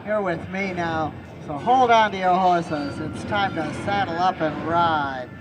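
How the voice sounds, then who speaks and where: A man's voice: sits high, unhurried. A man playing a brash Old West outlaw in a theme park ride, with a folksy drawl and stagecoach-driver hollering. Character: Old West outlaw bandit hijacking a tram, brash cowboy. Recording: loud music over ride vehicle sound.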